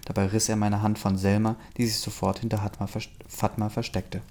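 A man reading a first-person story aloud in a steady, plain way. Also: fairly low pitch, fairly quick. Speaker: audiobook reader.

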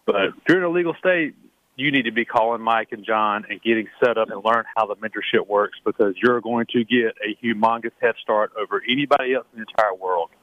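A man's voice: lowish voice, brisk, no echo. Earnest man on a tinny phone line. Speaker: guest. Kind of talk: casual radio chat.

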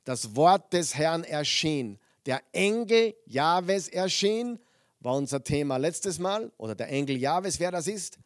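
A man's voice: fairly high pitch, expressive, unhurried, no room sound, clean studio sound. A man preaching a Bible teaching sermon, earnest and emphatic, reading scripture with rising intensity.

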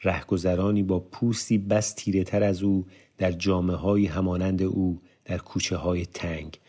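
A male audiobook narrator with a very deep, low voice. He reads literary prose in a measured, formal way, with steady pacing. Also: slightly rough.

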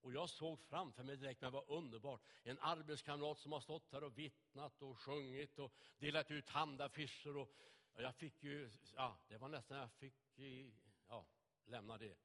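A man's voice: medium pitch, fairly even intonation, a bit bright, long reverb tail. A male preacher giving a sermon with vivid storytelling and anecdotes in a church.

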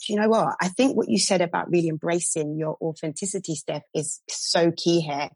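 A woman's voice: on the low side, steady tone, fairly quick, darkish tone, husky, dry recording. A woman with a South London accent, a teacher speaking in a thoughtful, conversational way on a podcast.

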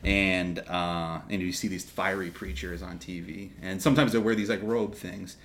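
Low-voiced young man telling his story. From Texas, USA. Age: young adult. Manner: animated, quick asides and restarts. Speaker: podcast guest, seminarian. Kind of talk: casual storytelling.

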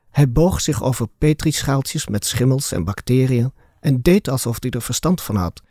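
Guy reading his story out loud, low mellow tone, dry close sound. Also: no echo. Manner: measured, expressive storytelling with voiced dialogue. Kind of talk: literary reading aloud.

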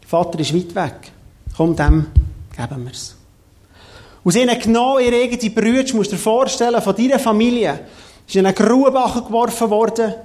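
A man preaches in a storytelling sermon, acting out scenes and asking his listeners direct questions. His voice sits unusually high for a man. The delivery is lively and personal.

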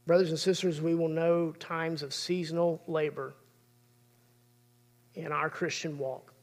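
A man's voice: fairly high pitch, little pitch movement, a little slow. A man, preaching a sermon as pastor in an earnest, conversational way.

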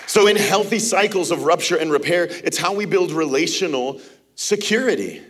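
A pastor in his thirties preaches to his church in an auditorium, speaking loosely and conversationally, acting out little dialogues with quotes and laughs. His voice is on the high side, a bit bright and lively in intonation, at normal speed, with a faint crowd and slight background noise.

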